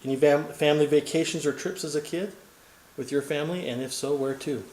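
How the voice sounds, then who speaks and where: A man's voice: a little high, brisk, darkish tone, roomy sound, poor audio. A man hosting a casual family interview, asking rambling questions and cracking small jokes. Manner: chatty, joking, rambling questions. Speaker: host, grandson interviewer.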